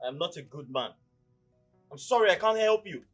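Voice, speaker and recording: A man's voice: high-pitched, lively intonation, moderate pace, faint music behind. An actor playing an embittered man in a film drama, stern and formally civil as he refuses. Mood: bitter.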